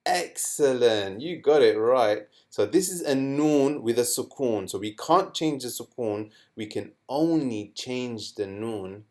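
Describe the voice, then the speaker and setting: A man teaching a children's lesson in a playful, animated way. He speaks slowly and clearly, and his pitch leaps around expressively as he asks the class questions and makes sound effects.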